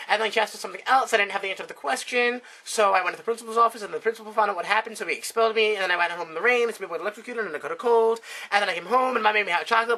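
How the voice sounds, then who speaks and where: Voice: mid-range voice, bright, forceful tone, rough recording. A storyteller voicing a nervous young schoolboy who explains everything in one long run-on breath.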